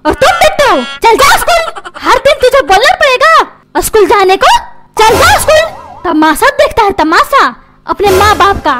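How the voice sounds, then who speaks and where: A woman's voice: very high voice, very animated, normal speed, over loud music. A woman voicing a dramatic, nagging cartoon mother who complains about her husband.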